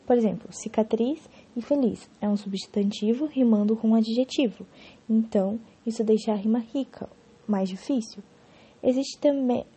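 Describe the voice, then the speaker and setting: A woman casually explaining poetry in a spoken lesson, correcting herself and slowing down to stress example words. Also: fairly high pitch, dark tone, breathy edge.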